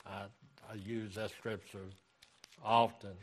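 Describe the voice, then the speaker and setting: A man preaching a sermon as pastor, reading scripture aloud and repeating key phrases in a deliberate way. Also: fairly low pitch, level tone, husky.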